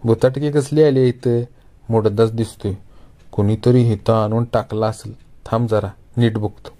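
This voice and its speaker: A brash village man scolds and scoffs, as a male storyteller puts him on. His voice is low and dark, and he speaks in rough, blunt bursts. It sounds like a spoken folk tale. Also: fairly even intonation, unhurried, natural voice. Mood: dismissive. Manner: gruff, scolding, loud.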